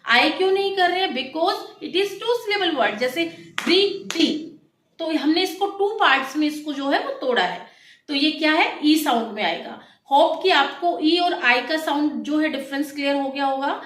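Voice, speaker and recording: A woman from India gives an English phonics lesson to children. She explains patiently and switches between Hindi and English. Her voice sits high, and the room around her echoes. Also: expressive, normal speed, a bit bright. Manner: mixes Hindi with English, addresses viewers as children. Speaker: English teacher.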